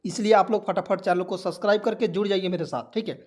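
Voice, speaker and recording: A man's voice: high-pitched, fairly even intonation, fast. A man giving an online English lesson, repeating points and answering his own questions, with a preachy motivational tone and frequent friendly fillers. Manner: keeps saying "okay" and "friends" as fillers. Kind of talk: spoken lesson to a video audience.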